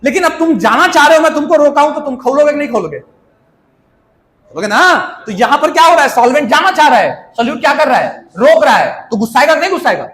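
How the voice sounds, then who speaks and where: A man teaches chemistry in a lively, playful way, constantly quizzing his students. His voice sits very high, and the room around him rings with echo. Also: very fast, hardly any pauses, a little hiss or hum. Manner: chatty, asks students questions, playful. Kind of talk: lively classroom lecture with everyday examples.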